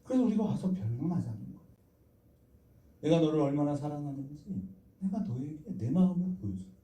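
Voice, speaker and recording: A man's voice: on the high side, very animated, brisk, dark tone. A man, the senior pastor, preaching a sermon in a church and drawing the congregation into responses and shared reading aloud. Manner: interactive, prompts the congregation to respond and read aloud together. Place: church sanctuary. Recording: echoey church hall, voice from far off the mic.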